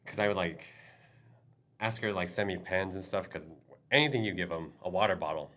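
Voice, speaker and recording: A man speaking as a podcast guest in casual chat, halting and trailing off with many fillers. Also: low-pitched, a bit bright. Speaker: guest, veteran.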